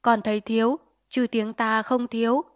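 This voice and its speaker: A woman voicing a stern, earnest middle-aged father who lectures his son in grave, measured tones in an audiobook story. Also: a little high, flat delivery, lightly acted. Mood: earnest lecturing.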